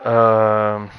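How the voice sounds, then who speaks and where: A young man with a somewhat low voice talks loosely on a live stream. He rambles and restarts, tossing in "dude" again and again as he works through rough comedy ideas. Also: lo-fi sound. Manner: rambling, restarts often, says "dude" a lot. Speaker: streamer trying out stand-up material. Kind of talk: casual chat.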